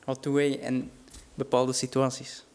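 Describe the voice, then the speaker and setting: A man's voice: medium pitch, monotone, unhurried, a little mellow, clean tone. A man preaching a sermon, earnest and reassuring, rising in volume for dramatic quotes.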